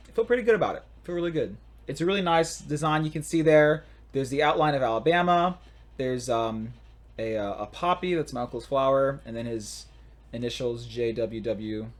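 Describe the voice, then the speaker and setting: A young man co-hosting a casual podcast, telling rambling stories and playfully bragging. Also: medium pitch. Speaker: podcast co-host.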